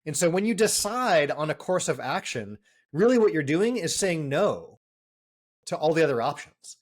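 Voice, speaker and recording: A man in his forties from the Boston area, a guest on a podcast, telling his story in a quick, chatty way. His voice sits a little high for a man, and his sentences are full of casual fillers. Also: big pitch swings. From Boston area, US East Coast. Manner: fast-talking, storytelling, many fillers. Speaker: entrepreneur guest. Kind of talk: casual interview.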